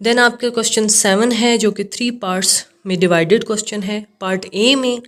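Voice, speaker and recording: A woman's voice: medium pitch, fairly bright tone. A young woman English teacher with a Pakistani accent, walking students through an exam paper and checking in often to be sure they follow. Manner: mixes English terms into Urdu, frequent "theek hai" check-ins.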